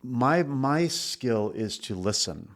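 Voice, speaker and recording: A middle-aged man, a leadership coach, telling lively anecdotes in a relaxed podcast chat and acting out the people he quotes. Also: mid-range voice, slow. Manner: animated storyteller who acts out quoted people, laughs easily. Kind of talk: casual podcast conversation.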